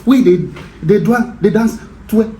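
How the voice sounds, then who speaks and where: A man with a Nigerian accent playing a boastful sponsor who paid for musicians and now wants his money back, complaining loudly in a comedy skit. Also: high-pitched, unhurried, faint music behind. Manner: loud, complaining, in Nigerian Pidgin.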